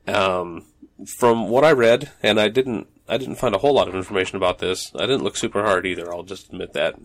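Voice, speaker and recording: Deep-voiced and brisk, this podcast host talks through a casual solo monologue in his home office. He wanders loosely, dropping lots of ums and restarting sentences.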